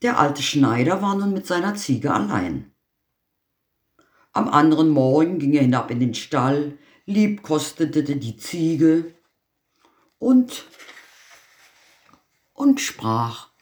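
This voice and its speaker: A man reading a fairy tale aloud in an unhurried, measured way, his voice sitting a little high. The recording has a roomy echo. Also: sing-song. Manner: slow, measured storytelling. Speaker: narrator.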